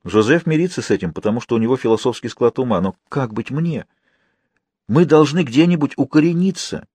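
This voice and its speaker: A man's voice: medium pitch, expressive, fairly quick, darkish tone, slightly rough, no room sound, pitched above the performer's own voice. A man reading a brooding, restless merchant's wife. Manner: questioning, brooding. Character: weary, anxious merchant's wife longing to settle.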